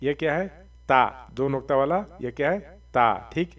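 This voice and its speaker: A man teaching Quran reading, patiently spelling out syllables slowly and then explaining the rules in quick asides. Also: mid-range voice, expressive, a bit bright, distant mic. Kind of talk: recitation lesson, spelling out letters.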